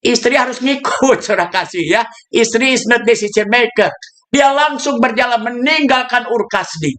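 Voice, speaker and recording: A male pastor preaching a sermon, telling stories with sudden shouted bursts and dropping English phrases into his talk. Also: very high voice, expressive, normal speed. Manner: storytelling with shouted bursts and laughs.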